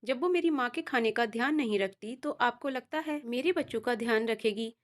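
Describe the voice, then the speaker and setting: A woman narrator gives voice to a caring daughter who speaks earnestly and stands her ground politely. The voice is somewhat high and close to the reader's own in a family tale. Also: moderate pace, natural voice. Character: caring married daughter, firm but polite.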